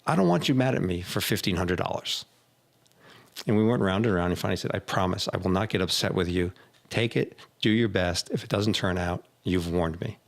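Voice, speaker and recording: A middle-aged man, an executive coach hosting a casual talk, who tells animated stories and acts out his clients' voices. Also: deep voice, a little fast, vocal fry. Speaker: executive coach, podcast host. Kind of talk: casual conversation.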